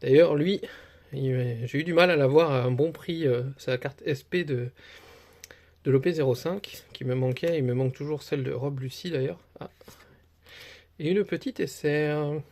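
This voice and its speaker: A young card collector chats casually while opening booster packs, rambling and hesitating a lot. His voice is on the high side with a darkish tone, and he speaks at a normal speed.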